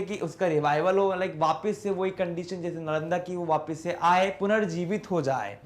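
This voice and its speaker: A man teaching an English lesson with an Indian accent, explaining patiently, asking and answering his own questions, and reading the English text slowly. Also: high-pitched.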